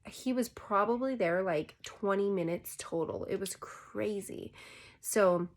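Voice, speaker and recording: Chatty young woman with a gravelly edge. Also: medium pitch, measured pace. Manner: chatty, heavy use of "like" fillers. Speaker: vlogger. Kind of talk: casual personal storytelling.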